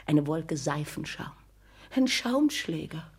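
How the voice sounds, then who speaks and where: Actress as a teasing spinster seamstress, radio play, low and raspy. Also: female voice, very animated, takes it slowly, full character voice. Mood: mocking. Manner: teasing, ironic. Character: sharp-tongued older spinster seamstress, mocking.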